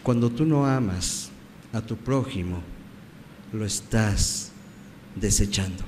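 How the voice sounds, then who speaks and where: A man with a Mexican Spanish accent preaching a sermon as pastor, swinging from loud emphasis to hushed words. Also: lowish voice, slow. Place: church sanctuary. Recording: church hall reverb, faint background noise.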